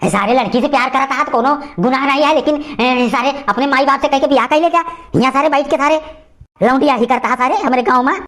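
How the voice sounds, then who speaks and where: Lady voicing a cranky old village uncle, awadhi accent, high pitched, yelling and cussing nonstop, cartoon. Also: quick pace. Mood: scolding. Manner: loud scolding, cursing rant. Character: angry old male village uncle, scolding. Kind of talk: animated cartoon comedy.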